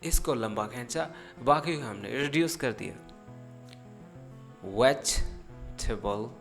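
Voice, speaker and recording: A man teaching an English pronunciation lesson, speaking deliberately and stretching out example words so learners can repeat them. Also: medium pitch, a bit bright. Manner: switches into careful, drawn-out English for examples. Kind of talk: spoken language lesson.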